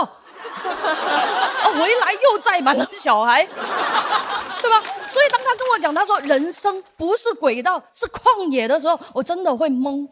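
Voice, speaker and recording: A woman's voice: very high-pitched, a bit bright. A young woman performing a stand-up set, telling stories and acting out the lines of the people in them. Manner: storytelling with acted-out dialogue. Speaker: stand-up comedian.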